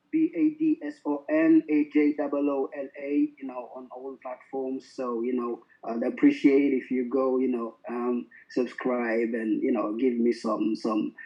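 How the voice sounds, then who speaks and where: A man from Senegal with a Senegalese French accent, a French speaker, talking haltingly about his music over a video call. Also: mid-range voice. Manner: halting, many restarts. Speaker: contestant artist. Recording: dull, lo-fi video-call audio.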